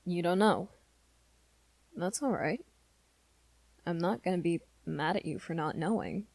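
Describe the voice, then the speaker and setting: A woman voices an awkward teenage werewolf boy, her low voice thick with gravelly creak. Close to the listener like an ASMR roleplay, he hesitantly rambles through an earnest confession, reining in his short temper to stay gentle and reassuring. The sound is dry and intimate, with no room sound.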